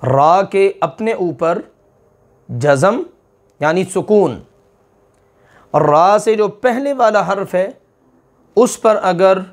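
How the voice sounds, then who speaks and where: Older guy teaching a lesson, slow and patient, says each syllable again and again, voice a bit high. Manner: slow, repeats example sounds syllable by syllable. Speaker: Quran recitation teacher. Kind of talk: classroom lesson.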